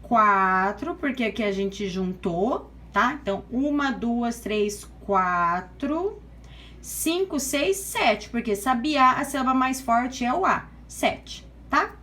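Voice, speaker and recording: A woman's voice: a little high, lively intonation, slow pace, a bit bright. A Brazilian woman teacher explains a lesson step by step, counting aloud and checking in with "tá?" after nearly every point. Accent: Brazilian Portuguese. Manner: patient, step-by-step, frequent "tá?" checks. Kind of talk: online class lecture.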